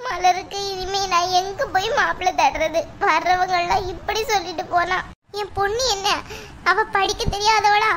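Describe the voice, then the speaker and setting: A woman's voice: very high-pitched, background noise. A woman voicing a grieving middle-aged village mother who laments and blames herself, in a cartoon. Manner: lamenting, plaintive. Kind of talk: cartoon voice acting.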